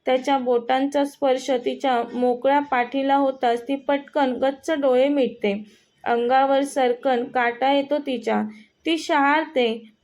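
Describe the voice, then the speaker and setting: A woman narrating a romantic short story in a steady reading voice. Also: high-pitched, a little slow.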